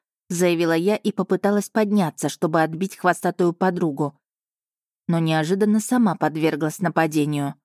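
A woman reading a first-person story aloud, measured and steady. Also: on the low side, dry recording, studio quality. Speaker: audiobook narrator. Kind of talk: scripted first-person narration.

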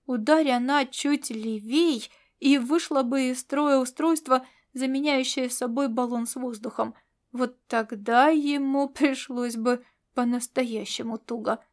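A woman narrating an audiobook in a steady, expressive storytelling manner. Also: high voice, measured pace. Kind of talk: scripted narration.

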